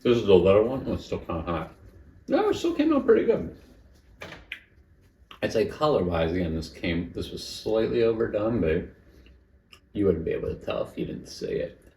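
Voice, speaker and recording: Deep-voiced man chatting while cooking. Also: a little fast, mellow, reverberant, distant mic, slight background noise, poor audio. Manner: chatty, self-critical, talks while eating. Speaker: home cooking channel host. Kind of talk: casual cooking vlog with tasting.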